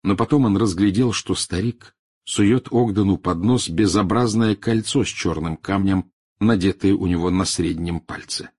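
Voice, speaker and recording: A man narrating an audiobook in a steady storytelling manner. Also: sits low, normal speed, husky. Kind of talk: scripted narration.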